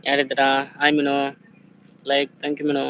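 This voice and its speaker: A man's voice: mid-range voice, monotone, normal speed, dull audio, a little hiss or hum. A man hosting a casual live stream. He thanks viewers by name over and over and invites them to join the chat.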